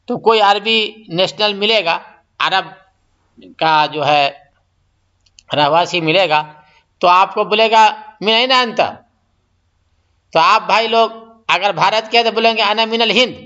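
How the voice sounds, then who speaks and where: Guy teaching arabic, high bright voice, says each phrase then repeats and translates it slow, muffled lo-fi audio. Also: clear, resonant tone. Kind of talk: classroom-style language lesson. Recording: dull lo-fi recording.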